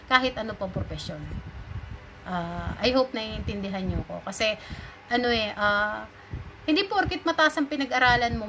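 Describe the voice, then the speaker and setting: A woman from Cavite, Philippines, giving a chatty, animated informal talk and mixing in English phrases. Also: on the high side. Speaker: speaker giving a talk on bullying. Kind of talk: casual informal lecture. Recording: noisy background.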